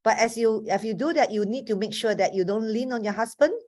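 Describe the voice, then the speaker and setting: Her fairly high, warm voice moves fairly quickly as this Malaysian webinar speaker in her fifties gives an earnest motivational talk on a video call. A native Chinese speaker with a Malaysian accent, she restarts frequently.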